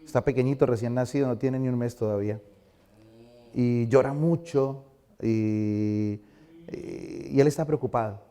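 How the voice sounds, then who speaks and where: A man's voice: mid-range voice, unhurried, mellow, clear, resonant tone. A middle-aged male pastor giving a conversational sermon in a church, asking the congregation questions.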